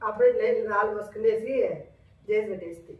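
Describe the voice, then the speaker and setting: A woman narrating a family vlog, gently coaxing her small son and repeating her questions to him. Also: medium pitch, quick pace, breathy edge, narrow, tinny audio. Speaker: mother filming a family vlog.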